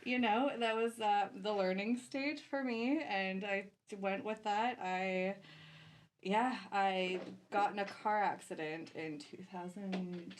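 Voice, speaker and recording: A Canadian woman in her thirties, a soft-spoken, shy guest DJ chatting casually on a podcast with many fillers. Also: mid-range voice, takes it slowly, a little hiss or hum. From Vancouver, Canada. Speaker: guest DJ and producer.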